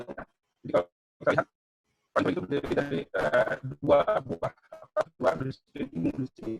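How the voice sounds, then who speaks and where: A man's voice: mid-range voice, gravelly. Man lecturing over a choppy video call. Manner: explanatory, checks in with "ya". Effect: choppy, breaking-up video call audio. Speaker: geology lecturer. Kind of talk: online university lecture. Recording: dull lo-fi call audio.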